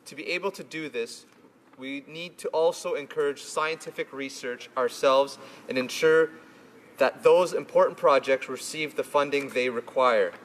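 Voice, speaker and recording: A man's voice: mid-range voice, moderate pace. A man reading a prepared question as a member of parliament. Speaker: government backbencher asking a question. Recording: reverberant chamber with faint noise.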